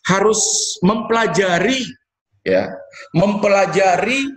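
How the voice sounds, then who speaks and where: Echoey lecturing man. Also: high voice. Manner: conversational, gestures, repeats words, asks and answers own questions. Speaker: university lecturer. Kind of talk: recorded lecture to students.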